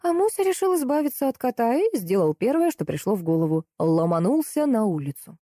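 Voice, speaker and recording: A woman narrating a first-person audiobook in a steady, lively storytelling way. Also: fairly high pitch, a little fast, dry recording, studio quality.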